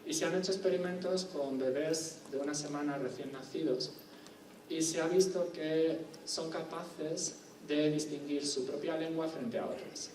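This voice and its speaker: A man's voice: a little high, steady tone, measured pace, a little mellow, a little hiss or hum. Man lecturing in an echoey hall. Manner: explanatory, uses rhetorical questions. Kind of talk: university lecture. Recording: echoey room from far off, faint ambience.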